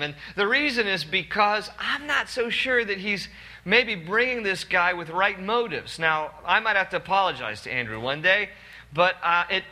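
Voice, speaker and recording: A man preaching a sermon, animated and acting out the people in the story with put-on voices. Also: high-pitched. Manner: animated, acts out quoted characters in put-on voices. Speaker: pastor.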